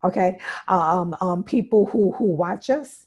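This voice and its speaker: A woman's voice: fairly low pitch, unhurried, a little mellow, slightly rough, lo-fi sound. A woman instructor giving an interactive workshop talk, emphatic and repeating key points while often checking in with her listeners. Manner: emphatic, checks in with "okay?" and "right?".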